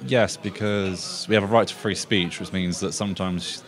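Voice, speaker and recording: A man's voice: deep voice, steady tone, moderate pace. A young male student talking outdoors, indignant and repeating his points. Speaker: student interviewee. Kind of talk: casual vox-pop answers.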